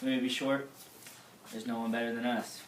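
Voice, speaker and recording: A man's voice: mid-range voice, flat delivery, a little fast, background noise, natural voice. A man playing a vain, boastful young nephew of a famous general who brags about himself, recorded far from the mic in an echoey room. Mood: smug. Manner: self-admiring bragging. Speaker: interviewee.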